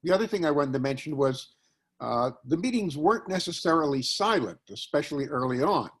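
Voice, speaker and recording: Man, fairly high voice, class participant, measured delivery. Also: animated, breathy edge. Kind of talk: informal class discussion.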